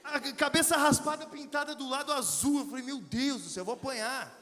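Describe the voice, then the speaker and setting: A Brazilian man with a very high voice preaches through a story, slangy and animated as he acts out both sides of a street conversation. His voice rings through a big hall with a long tail of reverb, and a crowd murmurs faintly behind him. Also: fairly quick, slight background noise. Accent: Brazilian Portuguese. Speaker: preacher at a youth conference. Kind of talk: storytelling sermon. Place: large hall with audience.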